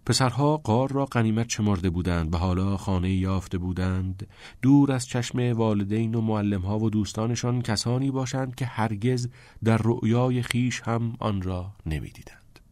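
Brief: low male narrator, measured, dry close sound. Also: a little mellow, no echo. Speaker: audiobook narrator. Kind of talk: scripted narration.

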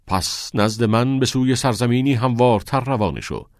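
A man voicing an eager, theatre-mad teenage boy who talks in quick, excited bursts. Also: mid-range voice, no room sound, clean studio sound, lightly acted. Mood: theatrical.

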